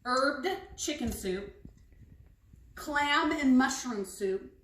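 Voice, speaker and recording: A woman's voice: sits high, lively intonation, extremely slow, fairly bright tone. Chatty woman in an echoey kitchen. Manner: chatty, frank, hesitant asides. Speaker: cooking vlogger taste-testing recipes. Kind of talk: casual kitchen vlog. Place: home kitchen. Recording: echoey kitchen, clinking dishes.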